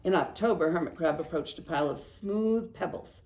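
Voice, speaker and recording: A woman preschool teacher reading a storybook aloud in an expressive way, with little explanatory asides to young children. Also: fairly low pitch, moderate pace, creaky, low-quality recording.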